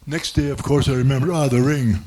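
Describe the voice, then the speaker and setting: A man's voice: mid-range voice, steady tone, fairly quick, warm tone. A man doing stand-up, telling a rambling self-mocking story with many restarts. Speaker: stand-up comedian. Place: comedy club stage.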